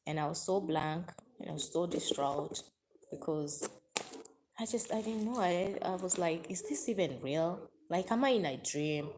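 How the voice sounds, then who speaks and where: A woman's voice: lowish voice, animated, unhurried, a little mellow, slight background noise. A woman chatting openly and emotionally on a live stream, answering viewers' comments. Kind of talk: casual confessional live chat.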